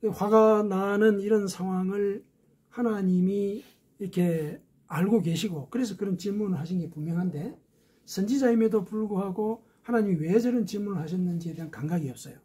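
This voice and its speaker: A man's voice: sits high, normal speed, mellow, slightly rough. A man preaching a sermon as a pastor, explaining step by step with rhetorical questions.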